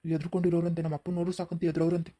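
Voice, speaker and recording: Woman voicing a cranky coughing grandfather, rapid village grumbling. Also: lowish voice, little pitch movement, mellow, voice pushed down, close to an everyday voice. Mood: grumbling, scolding.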